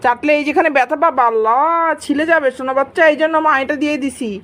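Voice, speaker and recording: A woman's voice: sits high, quick pace, a bit bright. A young woman from Bangladesh talking in doting baby talk to her pet cats, coaxing them and now and then scolding. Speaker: cat owner vlogger.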